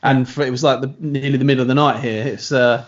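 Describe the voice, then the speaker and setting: A man's voice: mid-range voice, fairly even intonation, quick pace, lo-fi sound. A man, a band member chatting loosely in an interview, often restarting his sentences. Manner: rambling, self-correcting. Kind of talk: casual video call interview.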